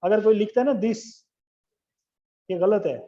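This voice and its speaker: A man's voice: high-pitched, a little slow. A man teaching English grammar in a classroom lecture, explaining step by step and asking the class questions. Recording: dull lo-fi classroom recording.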